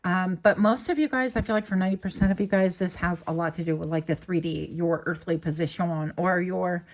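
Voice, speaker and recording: A woman tarot reader talks her viewers through a spread in an easy, chatty way. Her voice sits a little on the low side, and she rambles, restarts words and slips in small laughs as she goes. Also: steady tone, a little fast. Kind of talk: casual tarot reading to camera.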